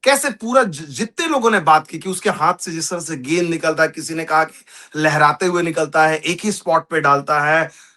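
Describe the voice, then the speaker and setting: Indian man co-host, high bright voice, animated banter. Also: moderate pace. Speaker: cricket show co-host. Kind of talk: casual cricket chat.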